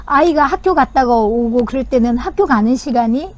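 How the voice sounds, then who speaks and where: A woman parenting coach speaks a little fast in a high, lively voice, offering casual advice outdoors in nature. She explains warmly and talks directly to her viewers.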